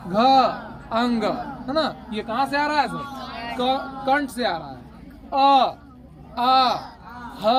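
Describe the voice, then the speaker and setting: A man's voice: very high-pitched, background noise. A man teaching a grammar lesson to a class, asking the students questions and answering them himself, and drawing out letters as he sounds them. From India.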